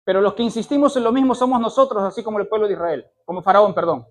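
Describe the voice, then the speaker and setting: A man's voice: high-pitched, fast. A man preaching a sermon, pressing his point with repeated phrases and rhetorical questions, and correcting himself mid-sentence.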